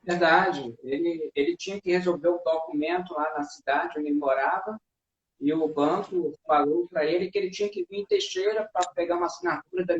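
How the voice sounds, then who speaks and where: High-voiced man giving a testimony. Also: slight background noise. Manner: earnest, full of fillers like "né". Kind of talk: emotional personal testimony. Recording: echoey, dull-sounding room.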